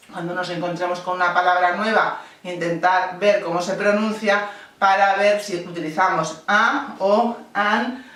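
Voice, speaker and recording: A female English teacher with a low-ish, fairly bright voice gives a classroom-style grammar lesson, explaining patiently step by step and correcting herself along the way. The room is very echoey, and her voice comes from a distance, off the mic.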